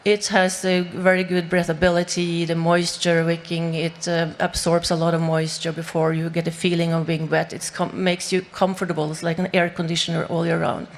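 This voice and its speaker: Woman, from Norway, Norwegian native, panel talk, gravelly, hesitant. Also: on the low side, completely flat delivery, normal speed, few pauses, slight background noise. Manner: hesitant, many fillers and restarts. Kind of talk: panel discussion.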